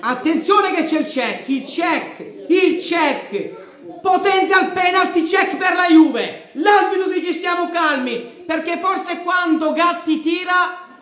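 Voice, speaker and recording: A man in his thirties giving a live football reaction at home, shouting goals, chanting players' names and pumping his fists. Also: extremely high pitch, slow. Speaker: football fan streamer. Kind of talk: live match reaction commentary. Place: living room with a grey sofa. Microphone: fixed camera at desk distance. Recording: echoey room.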